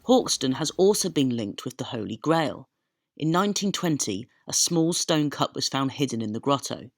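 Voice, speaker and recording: Despite being recorded outdoors on location in the countryside, this man's travel vlog has studio-quality sound with no echo. His medium-pitched voice is gravelly and expressive at a moderate pace, and he tells stories theatrically through both narration and on-location talk.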